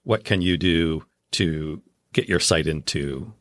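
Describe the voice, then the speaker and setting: A man's voice: extremely low pitch, takes it slowly, dry recording. A man co-hosting a podcast, explaining things in a confident, opinionated, casual way. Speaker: podcast co-host.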